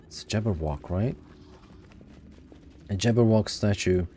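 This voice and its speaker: Mellow-voiced male game streamer. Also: lowish voice, a little slow, a little hiss or hum. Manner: reactive, muttering exclamations between reading. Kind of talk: casual game commentary.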